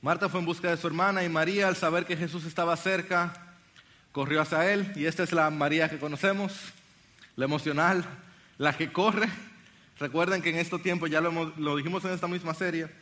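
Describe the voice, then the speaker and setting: High, bright-voiced male preacher. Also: steady tone, a little fast. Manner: earnest, addresses the congregation with questions. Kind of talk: sermon with Bible reading.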